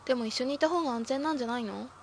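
A woman's voice: sits high, very fast, a little hiss or hum. A woman reading aloud the lines of a frightened, clingy young woman in a video game, in a shaky, pleading voice. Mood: worried.

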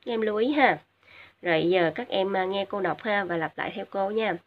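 A woman teacher with a Vietnamese accent giving a recorded English lesson, glossing each word in Vietnamese with frequent hesitant fillers and slow repetitions. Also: mid-range voice. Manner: explains each word in Vietnamese, many filler sounds, drills English words slowly twice. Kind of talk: recorded video lesson for high school students. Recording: dull lo-fi recording.

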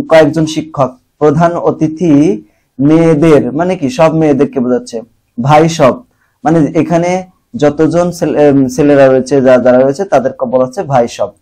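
A man's voice: fairly high pitch, mellow, low-quality recording. A young man teaching a grammar lesson from a school textbook, listing examples and asking himself questions before he answers them.

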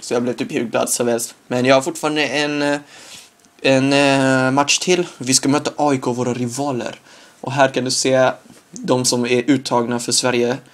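An excitable man giving loose, chatty commentary over his own gameplay. His voice sits at an ordinary middle pitch, but it shoots up into squeals and shouts whenever something big happens, and he often laughs at his own jokes. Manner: excitable, bursts into high-pitched yelps and shouts at big moments. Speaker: gaming video creator.

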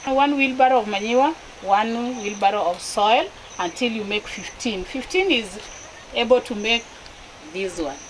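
Farmer woman explaining outdoors, slightly high. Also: unhurried, low-quality recording. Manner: plain, practical step-by-step explaining with restarts. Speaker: dairy farmer. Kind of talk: explaining her farm on camera. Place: outdoors on a rural farm. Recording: outdoor recording with clear background noise.

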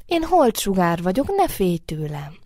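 A woman's voice: medium pitch, big pitch swings, a little mellow, no room sound. A kind moonbeam spirit coaxes and teases in a light, whispery voice, as a woman puts it on for a storybook. The studio sound is dry and close. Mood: playful. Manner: coaxing, whispery and playful. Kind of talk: storybook reading. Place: recording studio.

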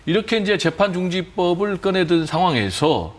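A man giving measured political commentary on a broadcast, hedging with frequent fillers. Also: high voice, big pitch swings.

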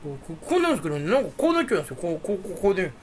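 A man's voice: high voice, sing-song, rapid-fire, heavy background noise. A man talking alone in a casual chat stream, his voice leaping up and down all the time. He rambles from thought to thought, makes fun of himself, and trips over repeated syllables as he plays with words. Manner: rambling, self-mocking, playful wordplay. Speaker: channel host.

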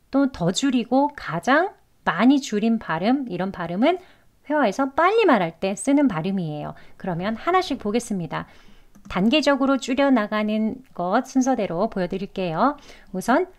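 Slow, patient woman teaching. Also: a little high. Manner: patient, repeats each example twice. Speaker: English pronunciation teacher. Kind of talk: slow, deliberate pronunciation lesson.

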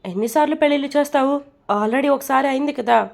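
A woman's voice: high voice, fast, vocal fry, voice pushed up. A woman voicing an angry young man who talks in curt, commanding orders to his mother and his staff. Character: angry young man, bossy son and father.

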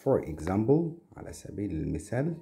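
A man with an Egyptian Arabic accent teaching short English lessons, saying English words slowly one at a time and explaining them in quick Arabic asides. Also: fairly low pitch, sing-song, vocal fry, dark tone, faint music behind.

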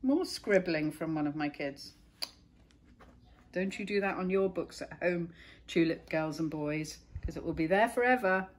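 A woman's voice: mid-range voice, breathy edge. Woman reading a picture book to children. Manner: gentle, chatty, pauses to point out pictures.

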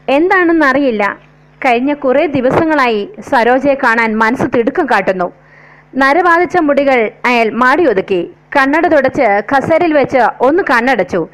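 A woman narrating a scripted story in a measured, wistful way. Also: high-pitched, a bit bright, rough recording.

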